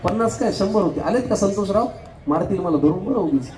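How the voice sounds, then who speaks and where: A man hosting a live stage game, joking with contestants and counting aloud quickly. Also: high-pitched, expressive. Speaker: game show host. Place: event hall stage. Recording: echoey hall, faint crowd murmur.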